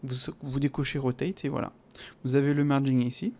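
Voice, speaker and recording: A man with a French accent talking through a software tutorial in a casual, chatty way, full of fillers and little sound words. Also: medium pitch, fairly even intonation, a little fast, creaky, slight background noise. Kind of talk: casual screen-recorded tutorial.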